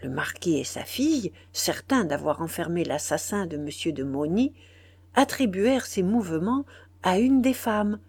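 A woman narrating a classic novel as an audiobook, in a measured, unhurried storytelling manner. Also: medium pitch, a little mellow, husky, dry recording.

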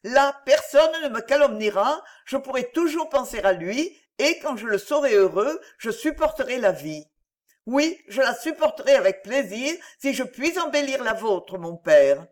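A woman reading an audiobook, voicing a tearful, earnest young woman who pleads in a high, breathless voice. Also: big pitch swings, normal speed. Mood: tearful pleading.

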